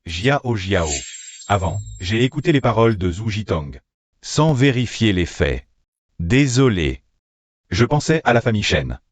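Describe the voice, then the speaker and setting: A man's voice: on the low side, big pitch swings, unhurried, dry recording. A man voicing a member of a bickering wealthy family in a dubbed short drama, over music. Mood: apologetic. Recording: music behind the voice.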